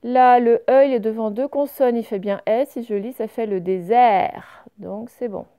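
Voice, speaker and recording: A woman teacher going carefully through reading exercises for young pupils, saying each word clearly before explaining it. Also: a little high, unhurried, mellow. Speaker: primary school teacher.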